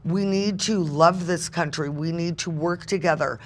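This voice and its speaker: A woman's voice: on the low side, normal speed. A woman on a discussion panel, speaking in an earnest, insistent way. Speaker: panel guest.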